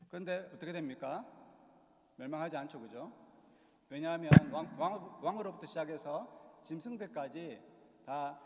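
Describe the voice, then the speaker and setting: A middle-aged man preaching a sermon in a church, telling the stories in a lively way and acting out the voices of the people in them. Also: on the high side, normal speed, creaky, long pauses. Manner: animated storytelling, acting out quoted voices. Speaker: missionary preacher. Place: church hall. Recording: long hall reverb in a church.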